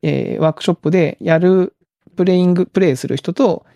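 Gravelly man chatting on a podcast. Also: high voice, fast talker, dark tone, no echo. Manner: rambling, with many fillers and restarts. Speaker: podcast host. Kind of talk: casual podcast chat.

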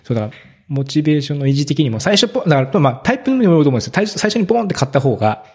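A man in his thirties chatting casually as a podcast co-host, telling stories in a relaxed way and growing animated when amused. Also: fairly high pitch, rapid-fire, slightly rough. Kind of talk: casual chat.

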